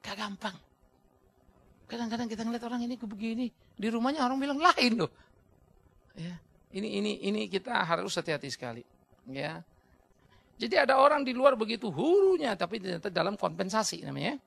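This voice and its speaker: A middle-aged Indonesian man preaching a sermon as a pastor, swinging between loud shouting and low asides, acting out quoted voices. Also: expressive, a little fast, creaky, pauses often.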